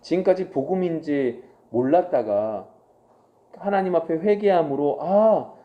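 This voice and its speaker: A middle-aged male pastor preaching a sermon. He swings from loud acted inner voices to soft, low asides, and he asks the congregation questions and answers them himself. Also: animated, measured pace, lo-fi sound.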